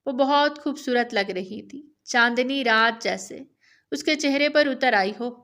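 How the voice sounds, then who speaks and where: A woman narrating a romance novel aloud in a steady, even storytelling manner. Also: fairly high pitch.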